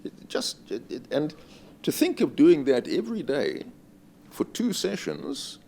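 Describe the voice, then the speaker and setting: A man's voice: fairly high pitch, huge pitch swings, a little slow, vocal fry, darkish tone. An older man, a retired university invigilator, telling dry, self-deprecating stories in an interview.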